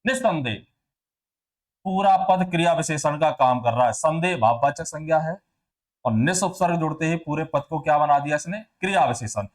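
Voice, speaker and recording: With a fairly high voice, lively intonation and a moderate pace, a man leads a lesson reviewing exam answers. He questions the class and then answers himself, repeating sounds and words to illustrate how they are pronounced.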